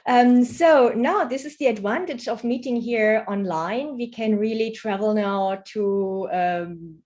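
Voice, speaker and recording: A woman's voice: on the high side, a little slow, a little mellow. A woman moderating an online panel, inviting speakers politely with frequent fillers over a video call.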